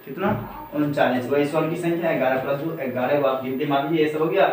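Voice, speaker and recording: A man's voice: fairly high pitch, fairly even intonation, fast, darkish tone, slight background noise. A man teaching a Hindi grammar lesson, from Bihar, asking questions and answering them himself, again and again. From Bihar, India. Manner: repetitive call-and-response questioning. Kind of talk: classroom-style lesson. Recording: very echoey room, mic far off.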